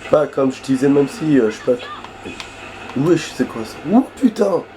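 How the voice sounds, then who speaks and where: A gaming video host, hoarse from a cold and losing his voice, gives casual let's-play commentary at a moderate pace. His medium-pitched voice has lively intonation as he rambles chattily, with bursts of surprised swearing, over background noise and game sounds.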